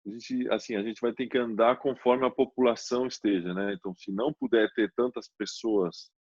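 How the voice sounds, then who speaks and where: A man who guests on a podcast and explains things calmly and steadily. His voice sits at an average pitch. The sound is dull and lo-fi, dry, with no room echo. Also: fairly quick. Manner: calm, explanatory. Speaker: guest, basketball player. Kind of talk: casual podcast chat.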